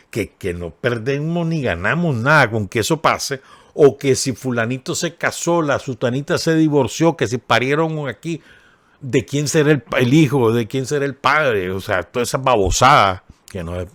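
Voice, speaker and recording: A man's voice: mid-range voice, fairly bright tone, no room sound. A man with a Nicaraguan Spanish accent giving radio commentary, talking casually and checking in with his listeners as he reads and remarks on a column. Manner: conversational, asks listeners for agreement, ironic asides. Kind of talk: spoken commentary reading and discussing a column. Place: radio studio.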